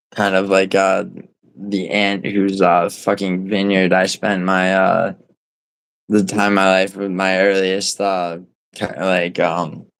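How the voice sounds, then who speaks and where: A man from New York City chats on a livestream, reading viewer comments in a rambling, profane way with lots of fillers and restarts. His voice is deep, nasal, a bit bright and clean in tone, though the recording is rough.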